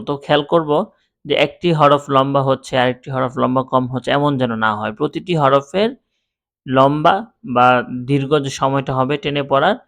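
A man teaching Quran reading, spelling out letters in a slow, drawn-out drill and then explaining calmly. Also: mid-range voice, vocal fry. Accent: Bangladeshi Bengali. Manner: drawn-out, deliberate recitation of letters.

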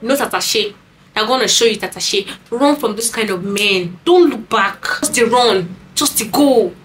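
A woman's voice: mid-range voice, lively intonation, a little slow, a bit bright, a little hiss or hum, rough recording. Sassy woman giving dating advice. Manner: sassy, emphatic, scolding asides. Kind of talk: casual talk to camera.

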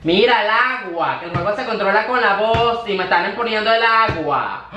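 Animated Venezuelan woman in an echoey room. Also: medium pitch, moderate pace, slight background noise. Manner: excitable, chatty, slangy and profane, yelling "ah" to steer the game. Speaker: YouTuber playing a voice-controlled phone game. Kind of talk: casual gaming vlog.

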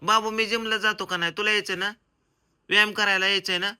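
A man's voice: high-pitched, little pitch movement, fast talker, clean tone. A young man, scolding and teasing his wife in a comic family vlog. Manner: scolding, teasing, loud and bossy. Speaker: comedian vlogger, husband and father.

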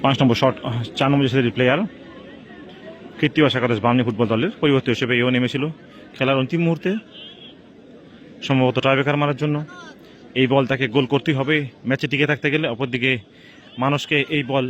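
A man giving live, excited play-by-play football commentary at an outdoor match. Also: medium pitch, quick pace, pauses often, lo-fi sound. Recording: crowd and outdoor noise behind. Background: outdoor crowd at a local football match.

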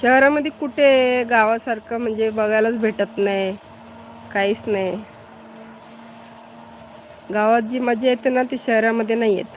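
A woman's voice: a little high, steady tone, unhurried, long pauses, a little hiss or hum. Chatty woman hosting a live stream. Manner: chatty, greets viewers and answers their comments. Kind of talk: casual live-stream chat with viewers.

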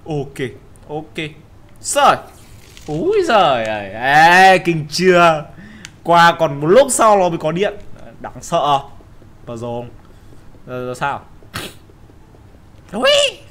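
A young man playing a horror game while he talks, yelping and shouting at every scare and muttering quietly when he sneaks around. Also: a little high, expressive, slow. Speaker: gaming channel host. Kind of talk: horror game let's play commentary.

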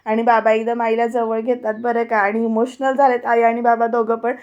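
A woman's voice: a little high, little pitch movement, normal speed, darkish tone, dull audio. A woman retelling a TV serial episode in a chatty voice-over, often addressing the viewers. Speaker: serial review narrator.

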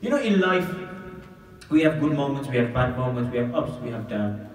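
Earnest imam preaching in an echoey hall. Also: male voice, medium pitch, sing-song, far from the mic, soft background music. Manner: earnest, rhetorical questions, measured emphasis. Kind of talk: Friday sermon. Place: mosque room, indoors. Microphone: desk mic on stand.

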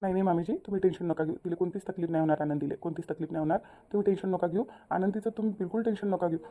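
A woman with a fairly low, mellow, natural-sounding voice voices an earnest young bridegroom, a polite son-in-law, in an amateur cartoon story. She speaks very fast with a Vidarbha Marathi accent, in a soothing, repetitive, reassuring manner. Slight background noise is present.

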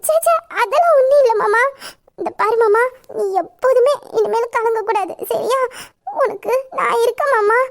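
A woman's voice: very high-pitched, moderate pace, gravelly. Woman playing tearful young wife Nila. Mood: soothing. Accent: Tamil. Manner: tearful, soothing and affectionate. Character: devoted young wife Nila, tender and caring. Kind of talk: romantic audio drama.

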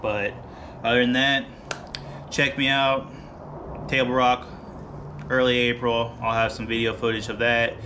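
A man in his thirties, a fishing vlogger, casually walking through his gear in a garage, relaxed and rambling with many ums and uhs. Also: medium pitch, unhurried, pauses often, noisy background. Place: garage, seated by boat gear.

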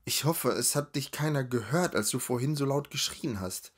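A man voicing a serious young noble girl on the run in a storybook reading, urgent and hushed. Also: mid-range voice, lively intonation, moderate pace, breathy edge, pitched above the performer's own voice.

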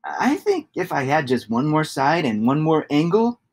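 A man's voice: on the high side, sing-song, moderate pace. Man as a plaintive, restless little storybook shape. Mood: restless, wishful. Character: restless, dissatisfied talking shape, eager for change.

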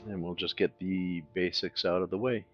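A man talking through a game tutorial in a relaxed, casual way, thinking aloud with fillers as he clicks along. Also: low voice, normal speed, husky, highs cut off, soft background music. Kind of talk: casual screen-recorded tutorial.

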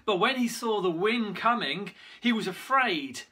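A bright, sharp-edged voice tells a Bible story with lively energy. The speaker shows props along the way and now and then trips over a name and corrects it. It has the feel of an online worship talk. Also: mid-range voice, measured pace. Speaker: church leader giving a children's Bible talk.

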